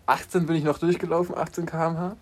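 A young man co-hosting a podcast in casual chat, relaxed and offhand, joking with his friend. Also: fairly high pitch, quick pace. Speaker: podcast co-host.

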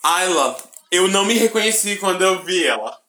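A man with a deep voice, co-hosting a podcast and telling stories with excitement and sudden shouted bursts. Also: moderate pace, slight background noise. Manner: excited storytelling, bursts of shouting when retelling. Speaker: podcast co-host. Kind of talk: casual chat. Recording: roomy echoey room.

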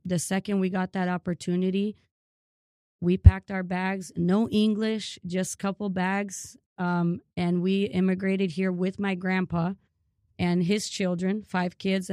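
A Ukrainian-born woman in her thirties earnestly tells her family's story as a guest in a casual podcast interview, using many fillers and restarts. Her mid-range voice is mellow, recorded at studio quality with no echo.

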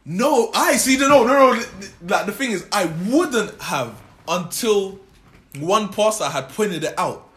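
A man's voice: high-pitched, animated, a little slow, a bit bright. A young man with a London roadman accent, chatting casually with slang. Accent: London, Multicultural London English roadman. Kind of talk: casual chat in street slang. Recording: echoey room.

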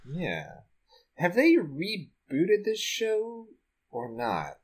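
A man co-hosting a podcast, chatting casually and playfully, reacting quickly to his partner. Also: high voice, wildly swooping pitch. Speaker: podcast co-host. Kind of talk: casual chat.

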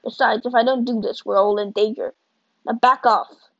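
A woman's voice: fairly high pitch, fairly even intonation, normal speed, gravelly, no room sound, lo-fi sound. A woman reading aloud and voicing a tense father who speaks in a firm, insistent way.

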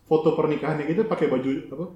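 A man co-hosting a casual comedic chat, throwing in quick quips and teasing questions. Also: a little high, fairly even intonation, echoey room, dull audio, a crowd in the background. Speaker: podcast co-host.

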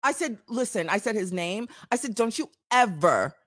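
A woman's voice: medium pitch, expressive, normal speed. A woman co-hosting a podcast, telling a personal story in casual chat and acting out the quoted dialogue.

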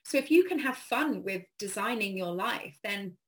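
A woman's voice: medium pitch, animated, normal speed, fairly bright tone. Earnest, reflective woman guest. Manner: earnest, reflective, frequent you know and like. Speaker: interview guest. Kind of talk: casual reflective conversation.

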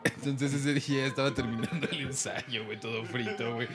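A Mexican man bantering with friends, joking and slangy, his pitch in the middle range. Clear music plays behind the talk. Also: fairly even intonation, fairly quick. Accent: Mexican Spanish. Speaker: podcast co-host. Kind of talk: casual chat among friends.

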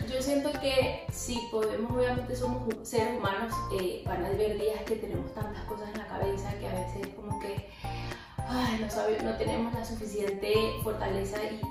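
A woman speaking in a reflective, casual way. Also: medium pitch. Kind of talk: casual chat. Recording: echoey room, far from mic, with music.

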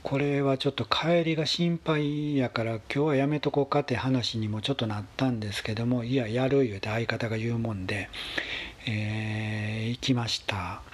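A man with a husky voice, telling a story in a casual, polite monologue with gentle pauses. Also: mid-range voice, steady tone. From Kansai, Japan. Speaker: solo talk show host.

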